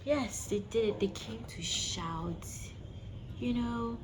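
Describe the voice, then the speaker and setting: Her voice is on the high side and she takes her time, with noise and music behind her. This woman hosts a vlog, sharing a personal story with listeners in a casual, emphatic way.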